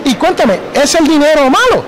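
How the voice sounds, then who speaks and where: Man, podcast host, very high pitch, casual talk, mixes in English words. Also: sing-song, normal speed, background noise. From New Jersey. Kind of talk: casual interview chat.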